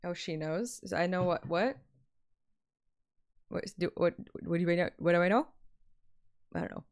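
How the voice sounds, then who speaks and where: Game soundtrack music plays under a woman streaming a game, her voice fairly low and darkish at a normal speed. She reads the story aloud like narration and chats casually about it.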